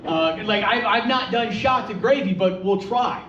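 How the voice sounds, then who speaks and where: A young male comedian from Ohio with a fairly high voice works through a stand-up set, stammering and restarting his sentences in a shy, self-mocking way. He is heard from a distance in an echoey brewery room, and the recording sounds a little dull. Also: fairly bright tone, a little hiss or hum. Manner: halting, self-deprecating, stammers and restarts often. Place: brewery room with live audience.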